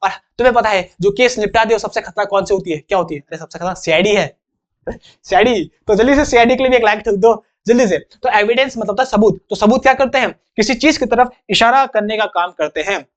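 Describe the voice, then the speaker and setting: A man's voice: high-pitched, quick pace. A young man teaching an English vocabulary lesson in a chatty, joking way, acting out little examples.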